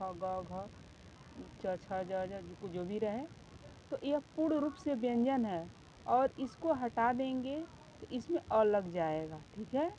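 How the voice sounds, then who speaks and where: Slow, patient woman teaching grammar. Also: on the high side, warm tone. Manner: slow, patient explaining, counting out sounds and asking the class questions. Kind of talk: Hindi grammar lesson for schoolchildren. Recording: slightly dull lo-fi sound with faint background noise.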